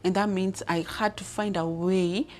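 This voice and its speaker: A Kenyan leadership speaker in her thirties tells an unscripted personal story about her career, full of restarts and fillers. Her medium-pitched voice is a little mellow, with fairly even intonation and an unhurried pace.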